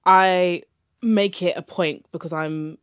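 A young woman hosts a podcast, introducing her guest and asking questions in a friendly, conversational style. Her voice is on the low side, steady and clean, and she takes things slowly.

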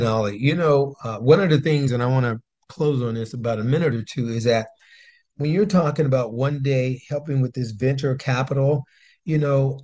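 A man hosts an interview show, speaking at a middle pitch. He asks his questions with enthusiasm and encouragement. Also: a little mellow. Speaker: show host. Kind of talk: casual interview talk.

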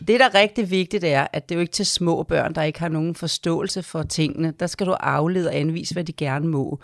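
A middle-aged woman, a parenting expert, talking in a podcast conversation, animated, with many restarts and acted-out quotes. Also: low voice, vocal fry, no echo, clean studio sound.

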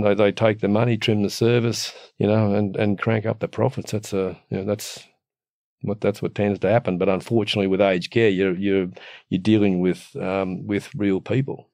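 A man's voice: on the low side, darkish tone, no room sound. A middle-aged Australian man ranting casually and bluntly, with the earthy, matey slang and mild swearing of an Aussie tradesman. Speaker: guest giving opinions. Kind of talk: casual opinionated rant.

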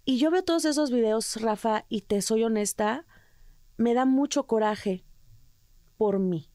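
A woman's voice: on the high side, a little slow, warm tone, no room sound, studio quality. A Mexican woman with a Mexican accent, an interview guest telling her story earnestly and emotionally, often restarting her sentences. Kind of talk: candid personal interview.

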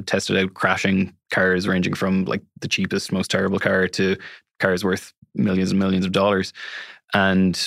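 Man, west of Ireland accent, low voice, dry close sound, conversational explainer. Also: gravelly, no room sound. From Galway City, west of Ireland. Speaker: interview guest explaining online media.

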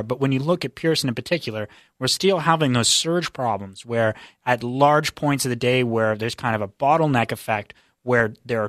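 Fast-talking man reporting politics. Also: mid-range voice, fairly bright tone, no echo, clean studio sound. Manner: rapid explanatory, filler-heavy. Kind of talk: radio interview guest.

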